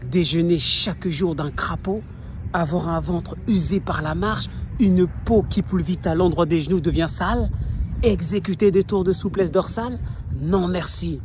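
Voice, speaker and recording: A man's voice: high-pitched, normal speed, close to an everyday voice. A male actor playing a proud, scornful poet-swordsman, declaiming a theatrical verse monologue in a hammy stage manner. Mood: scornful, mocking. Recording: noticeable background noise.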